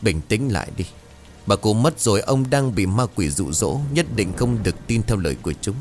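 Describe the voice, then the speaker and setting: A man's voice: lowish voice, expressive, normal speed, darkish tone, faint music behind. A man voicing a solemn elderly male ritual master who gives grave warnings in a storybook tale. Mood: stern.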